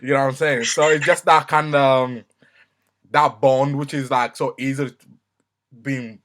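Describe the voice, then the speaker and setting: A man conducts a casual interview, rambling through his questions with plenty of fillers. His voice is bright and forward. He sounds relaxed and unscripted. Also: mid-range voice, moderate pace. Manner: rambling, many likes and fillers.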